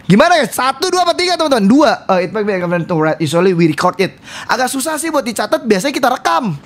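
A man streaming a horror game, talking loudly and rowdily to his chat and swearing often. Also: very high voice, very animated, fast. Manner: loud, rowdy, swearing, addresses chat constantly. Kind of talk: live-stream gameplay commentary.

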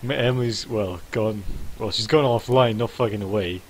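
A man's voice: on the low side, normal speed, a little hiss or hum, rough recording. A man commentating a game he's playing, swearing constantly and rambling through his thoughts. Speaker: gaming YouTuber. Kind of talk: let's play commentary.

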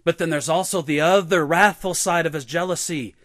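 A man preaching an online sermon in a slow, deliberate and solemn way. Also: a little high, fairly bright tone, no echo, clean studio sound.

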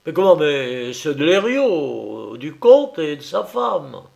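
A man's voice: on the high side, sing-song, slow, gravelly, exaggerated voice. A man reading an audiobook, voicing a haughty, impatient government minister who barks short questions. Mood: irritated. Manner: loud, haughty, curt.

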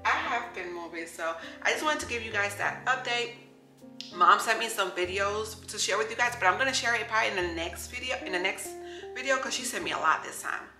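Speaking straight to her viewers, an upbeat New York woman in her thirties chats to camera from her home kitchen as a lifestyle vlogger. She has a mid-range, animated voice and a brisk delivery. The audio, captured by a camera close on the counter, is echoey with faint music behind.

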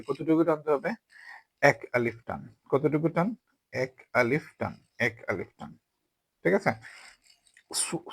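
A man with a Bangladeshi Bengali accent teaching a tajweed lesson, repeating each sound and checking that listeners follow, slowing down to model the words. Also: mid-range voice, creaky, breathy edge, no echo. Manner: repetitive, drilling with frequent check-ins; slows to model pronunciation. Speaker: Quran recitation teacher.

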